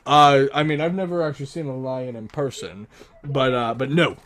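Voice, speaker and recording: A young man co-hosts a casual podcast from home over a call, teasing and laughing a lot as he chats with a friend. His mid-range voice is fairly bright and moderately paced.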